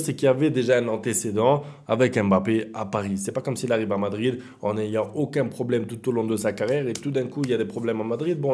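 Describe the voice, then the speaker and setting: A young man giving a casual, animated monologue on football, arguing his point and speaking as if in a player's head. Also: medium pitch. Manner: animated, argumentative, role-plays the player's thoughts. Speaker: football commentator YouTuber.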